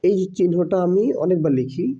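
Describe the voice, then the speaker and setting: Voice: medium pitch, fairly even intonation, fairly quick, warm tone. Patient teacher. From Bangladesh. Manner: patient, drills by repetition and quiz questions. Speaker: Quran teacher. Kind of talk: step-by-step lesson. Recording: dull lo-fi recording.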